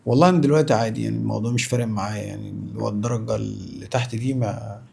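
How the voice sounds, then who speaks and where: An Egyptian man speaks as an interview guest in natural, unscripted talk. His voice is heavily creaky and rather husky. He insists on his points, restating them at a very rapid pace. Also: on the low side, steady tone, a little mellow. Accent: Egyptian Arabic. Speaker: interview guest, former professional footballer.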